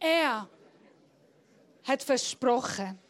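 Eine Predigerin, die nicht als Muttersprachlerin spricht und zwischen lautem Rufen und leisem Flüstern wechselt. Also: female voice, high-pitched, lively intonation, very slow. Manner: swings between loud shouting and hushed whispers. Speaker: preacher. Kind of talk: sermon.

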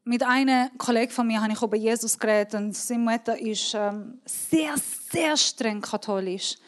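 A woman's voice: a little high, normal speed. Earnest Swiss German woman preaching. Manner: earnest, emphatic, repeats key words. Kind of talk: sermon.

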